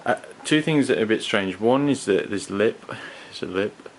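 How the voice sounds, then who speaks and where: A man giving an unscripted hands-on product review in a hesitant, halting, rambling manner. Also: fairly low pitch, lively intonation, low-quality recording. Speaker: gas mask collector and reviewer. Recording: clearly audible background noise.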